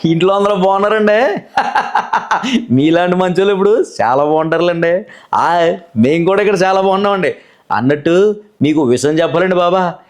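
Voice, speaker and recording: A man's voice: high-pitched, voice pushed up. A man voicing a cheerful village man giving a wedding invitation, in a Godavari Telugu accent and a folksy, polite manner. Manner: folksy, polite, respectful address.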